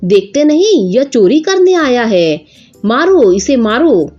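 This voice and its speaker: A woman voicing an excitable middle-aged village mother who scolds and frets. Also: on the high side, slow pace, muffled recording, faint music behind, heavily acted.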